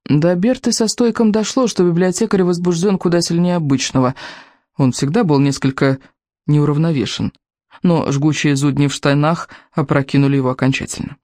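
A narrator reads a storybook in a steady, even way. The tone is mellow and dark, and the recording is dry and close with no room sound. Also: medium pitch, moderate pace, dry recording. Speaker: audiobook narrator. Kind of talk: scripted narration.

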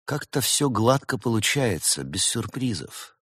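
A man voicing a brave, quick-thinking young male fox in a storybook reading. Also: mid-range voice, sing-song, a bit bright, husky, dry recording, studio quality, voice pushed up, exaggerated voice. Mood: thoughtful.

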